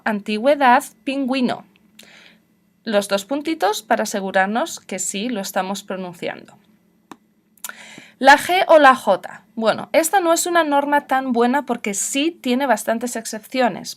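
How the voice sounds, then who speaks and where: A young woman with a northern Spanish accent lectures a class on spelling rules. Her voice sits a little high and she explains patiently, spelling out one example word after another. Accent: northern Spain. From Spain. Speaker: Spanish teacher.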